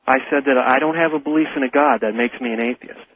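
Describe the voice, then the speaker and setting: Insistent caller on a tinny phone line. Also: male voice, medium pitch, quick pace, no room sound. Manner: precise, insistent, lectures on definitions. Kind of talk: arguing on a call-in radio show.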